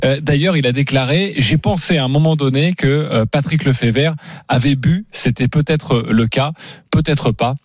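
A man's voice: medium pitch, moderate pace, no echo, studio quality. A man hosting a sports debate show on the radio, introducing the topic and quizzing his panel with self-mocking asides.

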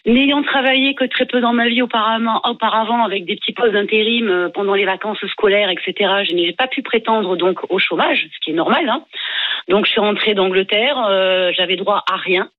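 A woman's voice: mid-range voice, brisk, no room sound. A woman in her forties calling in to a radio talk show, heard over a phone line on a speaker, explaining her story in a chatty way with many fillers. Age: 40s. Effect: heard through a phone line on a speaker. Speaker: radio caller.

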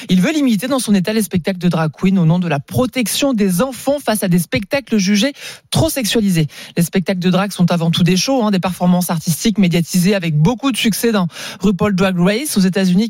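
A woman presenting a press story on a live radio show, in a lively, ironic and pointed manner. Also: mid-range voice, dry recording, clean studio sound. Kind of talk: press review commentary. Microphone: studio microphone.

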